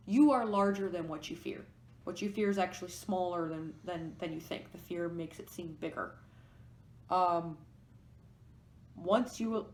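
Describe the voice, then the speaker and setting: A woman giving a pick-a-card tarot reading, musing aloud as she explains each card. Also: medium pitch. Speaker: tarot reader. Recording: echoey room.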